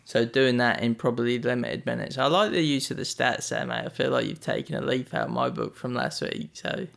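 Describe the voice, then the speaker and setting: A man with a gravelly, creaky voice co-hosts a relaxed sports podcast. He banters easily, trades jokes and swears casually. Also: medium pitch, brisk. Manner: laid-back, joking banter, swears. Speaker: podcast co-host.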